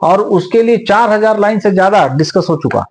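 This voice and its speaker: A man who is a senior advocate, explaining law at length in an interview in a measured, lecturing way with homely examples. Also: high voice, lively intonation.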